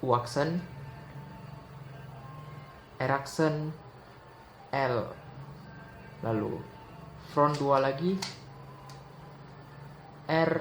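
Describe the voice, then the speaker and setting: A young man talks at an unhurried pace in a casual tutorial, calling out each move one at a time. His voice sits at a middle pitch. The recording is roomy and echoey, with clear background noise. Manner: relaxed, slow, calls out move notation. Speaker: Rubik's cube tutor. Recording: echoey room with audible noise.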